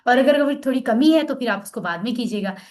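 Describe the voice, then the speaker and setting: A woman's voice: fairly high pitch, expressive, fast, darkish tone. A woman teaching an online class, drilling words aloud and explaining patiently over a video call.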